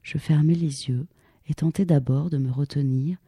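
A woman reading a novel aloud in calm, first-person scripted narration. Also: deep voice, moderate pace, husky, no room sound, studio quality. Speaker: audiobook reader.

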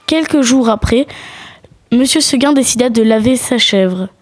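High, dry-sounding female storyteller. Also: a little slow, no echo. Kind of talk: storybook narration.

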